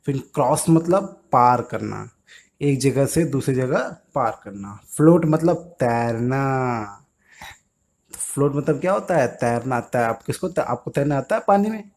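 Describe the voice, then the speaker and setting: A man's voice: medium pitch, expressive, unhurried, darkish tone. A man teaching English words to young children, patiently asking questions and answering them himself.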